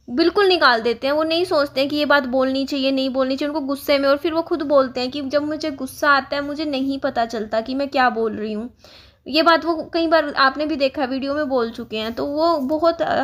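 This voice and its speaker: High-voiced woman telling her side earnestly. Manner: earnest, explaining at length with many fillers. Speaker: vlogger. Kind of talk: casual vlog storytelling.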